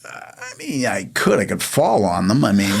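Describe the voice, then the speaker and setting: A man, a comedian guest telling stories in a rambling, halting, joking way. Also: lowish voice, huge pitch swings, creaky. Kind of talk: casual interview chat.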